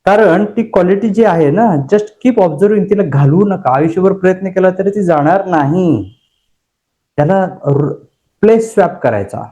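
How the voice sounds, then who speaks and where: A man leading a motivational class session, his voice pitched high but mellow in tone. He talks emphatically and drives his points home with rhetorical questions to the room. He weaves in personal stories, acting out his own inner voice as he goes. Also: animated, measured pace. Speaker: course trainer.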